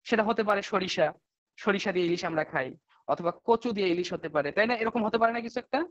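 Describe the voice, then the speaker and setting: A male English teacher giving an online class lecture, coaxing students with rhetorical questions and slowing down to spell out example sentences. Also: high voice, no room sound. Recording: dull lo-fi online class audio.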